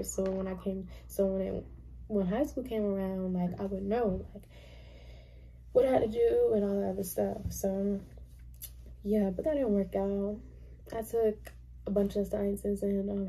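This young adult woman, around twenty and in college, talks to camera in a small bedroom in a loose, rambling way full of fillers and restarts. Her voice sits at medium pitch, husky, with a warm tone.

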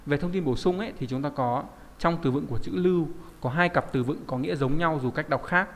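A man's voice: a little high, brisk. Male language teacher, chatty and questioning, lingering reverb behind him. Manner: chatty, asks the class rhetorical questions. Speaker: Japanese kanji teacher. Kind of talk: online lesson explaining kanji.

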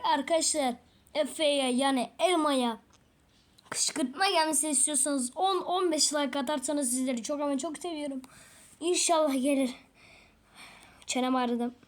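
Woman with a high voice talking slow and chatty thru a game, lots of little exclamations. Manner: chatty and exclamatory, often laughing. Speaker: gaming channel host. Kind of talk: casual gameplay commentary.

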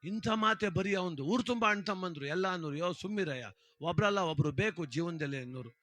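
A man telling a humorous folk tale in a lively, dramatic, conversational manner. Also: high voice, a little fast. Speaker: storyteller.

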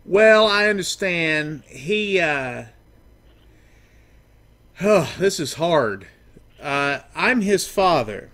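A man acting as a down-on-his-luck absent father on a prank call. His voice sits a little high for a man. He rambles and halts, stumbling over ums and uhs as he goes. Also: animated, drawn-out words, long pauses, sharp tone, full character voice. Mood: hesitant, awkward. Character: estranged, down-on-his-luck father, washed-up rock musician. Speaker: prank caller.

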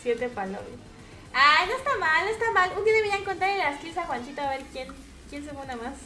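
A young woman with a Mexican accent giving chatty, casual commentary over her gameplay, now and then breaking into shrill, shrieking outbursts. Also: lively intonation, a little fast, bright, forceful tone, faint music behind. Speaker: gaming streamer.

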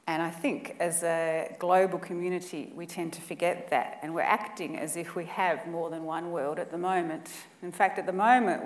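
An Australian woman in her forties, speaking in a lowish voice, delivers an earnest, emphatic presentation from a conference lectern, building lists for effect. The setting is an indoor conference room or lecture hall, and the mic sits well back in the echoey space.

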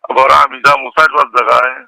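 Gravelly, bright and forceful, his mid-range voice stays flat at a quick pace in a dry recording. He's a middle-aged Bangladeshi local politician chatting on a recorded phone call, going over points again and frequently confirming he's been understood.

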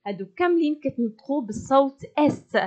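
A woman with a Moroccan Arabic accent teaching a primary school French lesson, saying the French slowly and carefully and explaining quickly in Darija. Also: high voice, expressive, warm tone, muffled recording.

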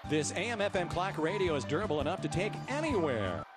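A booming, excited prize announcer for a game show video game. His pitch sits high and swings widely as he sells each item. Music plays behind him. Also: brisk. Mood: upbeat, selling.

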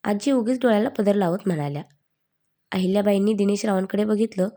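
Casting: woman narrator for a read-aloud story, calm, measured, mellow tone. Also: medium pitch.

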